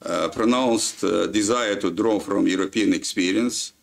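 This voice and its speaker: Gravelly low-voiced Kazakh man lecturing. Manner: halting, with frequent "uh" fillers. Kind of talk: formal lecture. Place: lecture hall.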